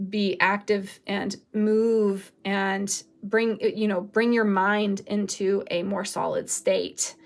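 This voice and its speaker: A woman gives a casual pick-a-card tarot reading for her viewers, rambling loosely, searching for words, and using many fillers. Her mid-range voice is raspy because she is recovering from the flu, and her manner is relaxed.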